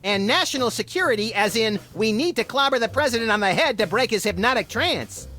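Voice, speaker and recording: A man's voice: high-pitched, expressive, brisk, sharp tone, faint music behind. An actor playing a small, manic, gleefully violent male rabbit sidekick in a comic cartoon game, impish and wisecracking. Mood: impish glee.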